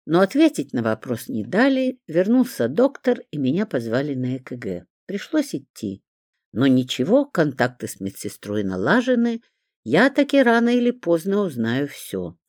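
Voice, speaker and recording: Lively first-person audiobook narrator. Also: medium pitch, no echo, studio quality. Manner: expressive storytelling.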